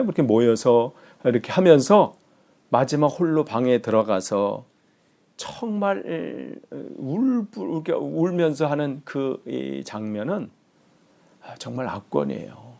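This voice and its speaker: Male pastor, sermon, gravelly voice, lively swings in pitch, storytelling delivery. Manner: animated storytelling, dropping to whispers for quoted lines.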